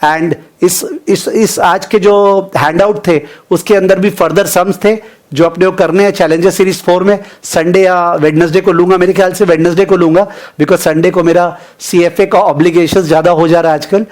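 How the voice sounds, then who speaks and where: A man's voice: sits high, fairly even intonation, moderate pace, darkish tone. A man from India teaching an online finance class in a casual, chatty way, mixing Hindi and English and often checking in with students.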